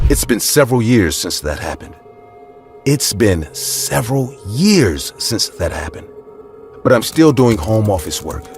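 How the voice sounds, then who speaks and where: Brief: man, low and lively voice, grim haunted horror storyteller. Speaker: narrator. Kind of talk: first-person horror story narration.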